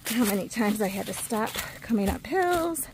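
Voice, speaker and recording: Out on a mountain trail in the woods, this hiking vlogger in her forties films herself at arm's length on her phone, chatting upbeat and casually. She speaks expressively at a moderate pace in a medium-pitched voice over a noisy background.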